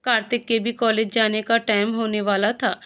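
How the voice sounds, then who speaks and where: A woman narrating a scripted family story in a steady, even storytelling manner. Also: medium pitch, moderate pace, clear, resonant tone.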